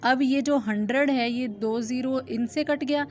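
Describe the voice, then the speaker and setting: High-voiced woman explaining maths step by step. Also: measured pace, a little hiss or hum. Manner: step-by-step explaining with check questions and "theek hai ji". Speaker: maths teacher. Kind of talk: recorded online class lecture.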